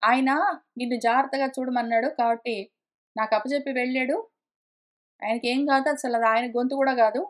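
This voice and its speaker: High-voiced woman explaining chanted verses. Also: fairly even intonation. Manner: slow chanting of verses, then plain explanation. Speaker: scripture teacher. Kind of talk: explaining Sanskrit verses in Telugu. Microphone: conference call line.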